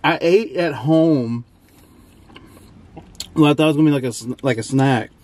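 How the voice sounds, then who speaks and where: A young travel vlogger with a higher-than-average, darkish voice rambles casually at a moderate pace. Shot on a handheld or propped camera, the footage moves between a parked truck cabin and outdoor trails, with vehicle and outdoor sounds clearly present.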